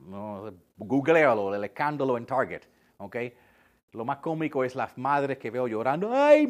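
A man preaching a sermon in as a pastor, conversational and emphatic, dropping in English phrases. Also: on the high side.

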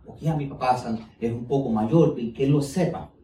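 A man's voice: medium pitch, normal speed, dark tone. Man preaching in a roomy church. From United States. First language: English. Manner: folksy, joking, teacherly, checks in with the congregation. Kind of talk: sermon. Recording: roomy, distant mic, faint background noise.

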